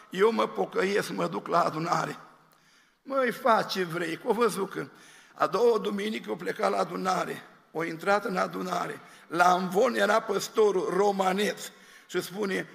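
A man's voice: high voice, gravelly, a bit bright, in a large hall. A man preaching a sermon in the form of a testimony, telling a story and quoting its people in his own voice.

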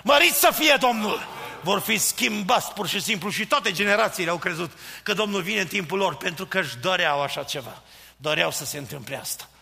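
A man preaching a fervent sermon as a pastor, rising to shouts. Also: high voice, lively intonation, creaky, big-room sound.

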